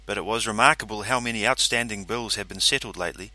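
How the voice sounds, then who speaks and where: Audiobook narrator, male, low voice with a bright forceful edge, dry close sound. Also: no room sound. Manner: steady, measured storytelling. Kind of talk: scripted narration.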